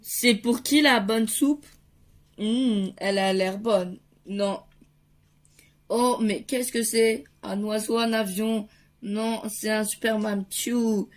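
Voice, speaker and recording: A woman reads a comic book aloud, taking her time over each line. She moves between the characters and throws in playful sound effects. Her pitch sits in an ordinary middle range. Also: steady tone, slow.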